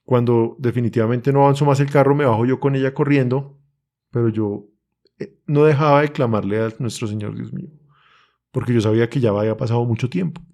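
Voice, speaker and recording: A man's voice: medium pitch, steady tone, fast talker, a little mellow. Earnest Colombian man telling a testimony. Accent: Colombian, Bogotá. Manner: earnest, urgent storytelling, reenacts his own pleas. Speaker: podcast guest giving testimony. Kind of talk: emotional personal testimony.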